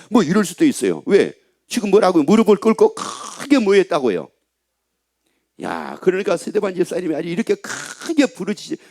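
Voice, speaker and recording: A man's voice: high voice, a little mellow. A middle-aged male pastor preaching a sermon in a church, emphatic and often asking the congregation questions. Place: church sanctuary.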